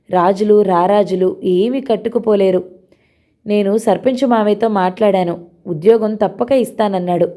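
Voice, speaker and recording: A woman voicing a composed young village woman who speaks gently and earnestly. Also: mid-range voice, natural voice. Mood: consoling.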